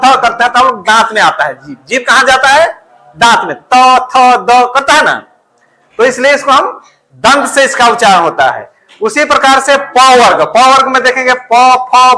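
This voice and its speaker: A man teaching a classroom grammar lesson. He says the letters out slowly one by one, often asks the class a question, answers it himself, and keeps checking in with "okay". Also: very high-pitched, sharp tone, rough recording. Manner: quizzes listeners with questions, then answers them himself.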